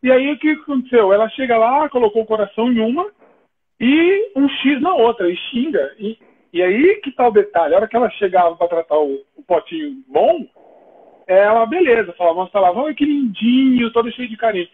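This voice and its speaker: Over a tinny, phone-like line, a man with a Brazilian Portuguese accent speaks at normal speed in a very high-pitched, husky voice. He hosts a live talk show, telling stories in a casual chat and animatedly acting out the dialogue.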